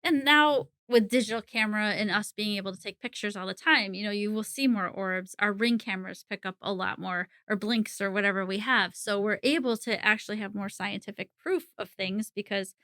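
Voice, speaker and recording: A middle-aged woman talks as a podcast guest in a casual, chatty way, often laughing mid-sentence. Her voice is bright and forceful, recorded dry and close with little room sound. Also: mid-range voice, brisk, few pauses, no room sound. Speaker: psychic medium guest. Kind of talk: casual interview conversation.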